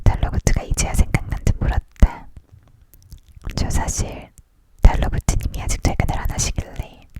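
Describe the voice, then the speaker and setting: A person leaning in to whisper a storybook aloud as a whispered ASMR reading, entirely unvoiced. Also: normal speed. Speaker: audiobook reader.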